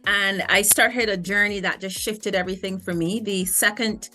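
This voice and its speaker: Bright-voiced woman singer. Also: mid-range voice, steady tone, moderate pace, faint music behind. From Barbados. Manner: earnest, reflective, with frequent restarts. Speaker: guest singer and vocal coach. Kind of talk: interview conversation.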